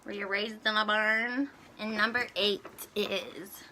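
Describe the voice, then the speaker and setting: A woman's voice: medium pitch, fairly even intonation, slow pace, bright, forceful tone, slight background noise. A young woman vlogger ranting bluntly through a countdown list, swearing often and laughing between points.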